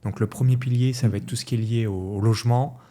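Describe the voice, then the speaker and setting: A man's voice: medium pitch, steady tone, quick pace, dark tone. A man hosting an interview podcast, asking questions and laying out his topics in an orderly way. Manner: structured, lays out points in order. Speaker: podcast host.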